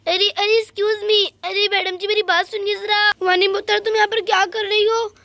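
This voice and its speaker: A worried mother in a homemade doll story, calling anxiously for her daughter, as a woman voices her. The voice is very high and bright, with a gravelly edge and a dry, close sound. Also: little pitch movement, moderate pace, no room sound, exaggerated voice. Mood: pleading.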